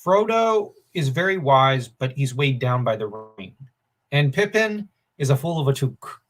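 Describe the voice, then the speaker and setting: A man's voice: mid-range voice, sing-song, a little slow. A man co-hosting a casual book discussion podcast, enthusiastic and opinionated, thinking aloud with fillers. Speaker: podcast co-host.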